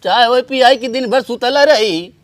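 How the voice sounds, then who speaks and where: A man with a very high voice grumbles and complains through a rural family comedy sketch. His tone stays full of gripes. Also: normal speed, no room sound.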